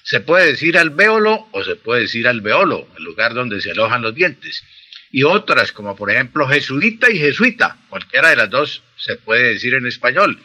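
A man's voice: medium pitch, big pitch swings, normal speed, sharp tone. A man, explaining pronunciation and grammar in a precise, teacherly way on a radio language segment. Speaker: language expert answering listener questions.

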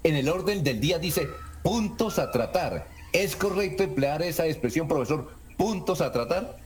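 A man's voice: a little high, animated, moderate pace. A man, a radio host who announces the time and reads listeners' questions aloud to an expert.

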